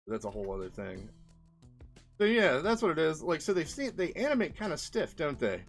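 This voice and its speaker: Very animated and fairly quick, a man with a fairly high-pitched voice talks over faint music. He's an indie game developer rambling through casual screen-share commentary on his experiments, thinking as he speaks.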